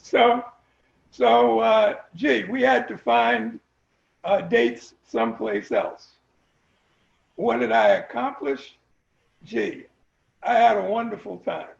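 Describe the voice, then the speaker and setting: Older alumnus guest, raspy and high-pitched, wry storyteller, roomy lo-fi audio. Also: male voice, lively intonation, slow, long pauses. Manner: wry, joking, addresses the group directly. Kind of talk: casual reminiscing.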